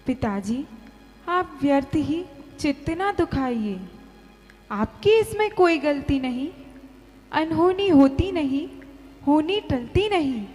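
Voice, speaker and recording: Brief: woman acting serene dutiful princess, high voice, slow and humble. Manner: calm, humble, soothing. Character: gentle devoted young princess, dutiful daughter. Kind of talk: stage play dialogue. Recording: reverberant hall with background music.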